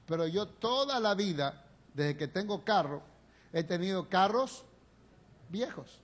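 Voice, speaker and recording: A male pastor preaching a sermon, telling a personal story with feeling and swinging between loud pleading and hushed confession. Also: high-pitched, lively intonation, a little slow. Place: church sanctuary, live stream.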